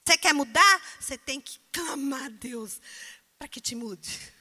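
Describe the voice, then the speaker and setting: A woman's voice: sits high, lively intonation, measured pace, pushed and bright. A woman preacher delivering a sermon, pressing the congregation with emphatic rhetorical questions.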